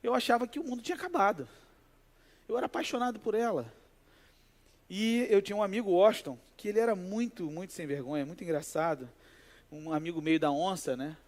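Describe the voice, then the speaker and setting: High-voiced pastor preaching. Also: male voice, brisk. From Brazil. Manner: animated, conversational preaching. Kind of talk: sermon with personal storytelling.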